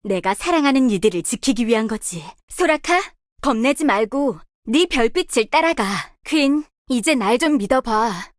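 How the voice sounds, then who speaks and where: A woman's voice: a little high, animated, moderate pace, no room sound, studio quality, natural voice. A woman voicing a confident young female star guardian warrior who leads her team, delivering game voice lines with bold, commanding quips. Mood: determined. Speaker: voice actress. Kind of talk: video game character voice lines.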